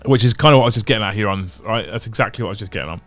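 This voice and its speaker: A man with a lowish, fairly bright voice hosts a casual livestream, speaking rapid-fire as he chats and reads out viewer comments. He thinks aloud in long runs, restarting and repeating phrases. Faint music plays behind him.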